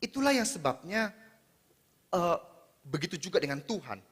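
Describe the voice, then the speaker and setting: An Indonesian man preaching a sermon in a lively, conversational way, speaking straight to his congregation. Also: high-pitched, moderate pace, slightly rough. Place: church hall. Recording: long reverb of a church hall.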